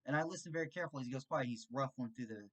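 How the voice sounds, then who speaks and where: A man hosting his channel, telling a story about a scam call in a sarcastic, animated way. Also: mid-range voice, racing. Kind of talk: casual storytelling monologue.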